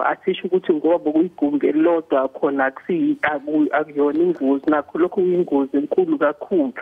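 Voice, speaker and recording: A man with a Zulu accent giving a hesitant interview as a spokesperson over a phone line, often repeating the starts of words. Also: fairly high pitch. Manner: hesitant, repeats word beginnings. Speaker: emergency services spokesperson. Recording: tinny narrow-band phone line.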